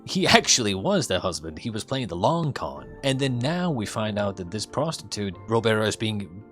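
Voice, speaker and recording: A man's voice: fairly low pitch, very animated, moderate pace, fairly bright tone, faint music behind. A man doing casual live reaction commentary as a streamer, speculating in a rambling, mildly profane way. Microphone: headset.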